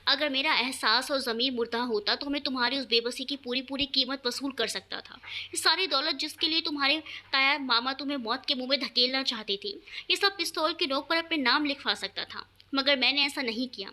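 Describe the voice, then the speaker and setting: Woman reading a proud young husband in an audio story, curt and harsh, bright high voice. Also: brisk, few pauses. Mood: stern.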